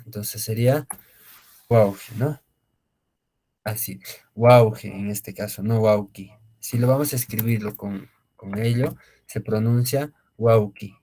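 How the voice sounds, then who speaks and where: Man, language teacher, online class lecture, slow explanations, fillers, tag questions, mid pitch. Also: mellow. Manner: explains slowly, repeats words, many fillers and tag questions.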